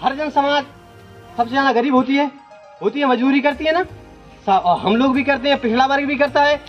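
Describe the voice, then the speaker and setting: A man's voice: very high voice, a little fast. A man from rural Madhya Pradesh, a village resident earnestly and indignantly airing complaints in an on-the-spot outdoor interview. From Datia district, Madhya Pradesh, India. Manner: earnest, indignant, talks in short bursts. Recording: dull lo-fi sound with music behind.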